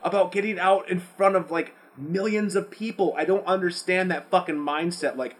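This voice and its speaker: Co-hosting a podcast during a casual movie debate, a man with a high-sitting voice speaks at normal speed. He's blunt, profane and rambling, arguing casually and ranting animatedly while mimicking what people say.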